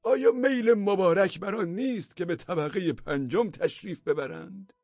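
A sly old man raising his voice high in exaggerated courtly flattery, as a male narrator puts him on. The reading is close and dry, slightly dull, with faint music underneath. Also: no echo. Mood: flattering. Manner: courtly, mock-formal flattery. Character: shrewd old man, calm and wily.

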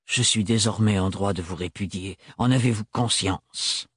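Stern unbending man in an audiobook, clipped and hard, husky low voice, as the reader plays him. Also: moderate pace, no echo, studio quality. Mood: curt, cold. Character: tall stiff man, curt and cold.

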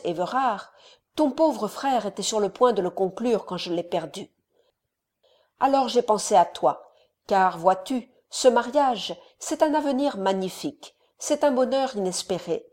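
A woman voicing a scheming older male count who speaks to his son in a measured, solemn, persuasive way. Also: mid-range voice, darkish tone. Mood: coaxing.

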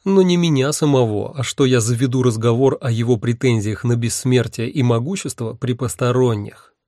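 A man's voice: medium pitch, normal speed, dark tone, dry recording, studio quality. Man narrating a wry fantasy audiobook. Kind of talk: first-person fantasy narration.

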